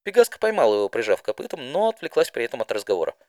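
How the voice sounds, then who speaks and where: A man narrating a fan audiobook in an expressive storytelling manner. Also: mid-range voice, very fast, no room sound, studio quality.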